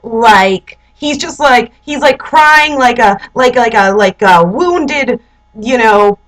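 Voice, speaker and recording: A woman's voice: on the high side, animated, slow, fairly bright tone, low-quality recording. A young woman recapping a TV episode in a chatty, sarcastic way, sitting indoors and using "like" constantly. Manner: chatty and sarcastic, heavy use of "like". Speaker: vlogger. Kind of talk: casual TV recap and advice.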